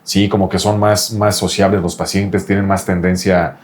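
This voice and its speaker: A man who is a doctor specializing in reproductive andrology explains things insistently to a patient in an interview, repeatedly using the patient's name. His voice is low-pitched with a level tone at a normal speed.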